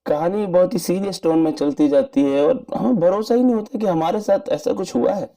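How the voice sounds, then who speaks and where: A man giving an earnest, measured spoken movie review in formal wording. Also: sits high, gravelly, mellow. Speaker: film reviewer.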